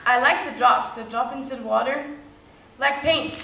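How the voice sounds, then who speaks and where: A woman's voice: sits high, fairly even intonation, moderate pace, gravelly, pushed and bright, exaggerated voice. A young woman performing a stage monologue with earnest, confessional telling. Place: stage in a hall. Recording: roomy hall from far off, faint noise.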